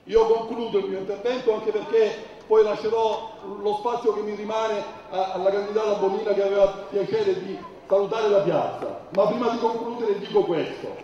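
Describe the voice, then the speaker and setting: A man's voice: sits high, steady tone, moderate pace, few pauses, dark tone. Man, rally exhortation, insistent, dull distant recording. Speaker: campaign speaker. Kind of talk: impassioned political rally speech. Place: outdoor town square rally. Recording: very echoey, dull, distant public-address sound.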